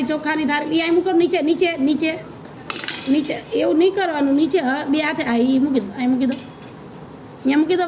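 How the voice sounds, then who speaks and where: A woman's voice: high voice, background noise. A woman guides a child through a home worship ritual, coaxing and directive, repeating short commands. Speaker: family member guiding a child's worship.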